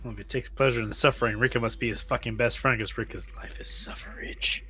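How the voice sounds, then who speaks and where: A man's voice: medium pitch, fairly even intonation, a little fast, pushed and bright. A man playing a tabletop game, chatting and narrating casually in an informal, sweary, self-correcting way.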